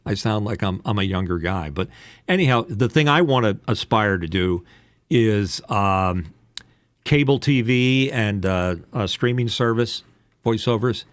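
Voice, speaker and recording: Expressive and unhurried, his fairly low voice carries no room sound as this seasoned announcer and podcast host in his late sixties coaches casually on voice-over, rambling candidly through his explanations.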